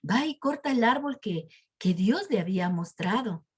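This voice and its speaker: A woman's voice: medium pitch, expressive, normal speed, husky. A woman telling a Bible story to children, animatedly addressing them directly.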